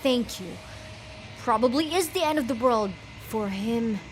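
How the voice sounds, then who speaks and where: A woman's voice: on the high side, animated, normal speed, music in the background. A woman live-streaming a game, reacting aloud in a theatrical, over-the-top way. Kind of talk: live reaction gameplay commentary.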